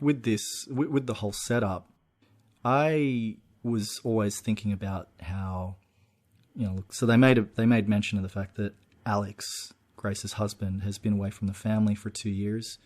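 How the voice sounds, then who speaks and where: Speaking a little slowly in a fairly low, slightly mellow voice with mostly even intonation, a male podcast co-host casually recounts a film's plot in depth. "You know" and "look" pop up often.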